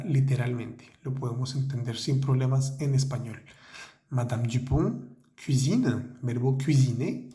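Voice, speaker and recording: A man teaching French in Spanish in a patient, methodical way. He slows down to model each French word. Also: medium pitch, mellow. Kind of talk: language lesson.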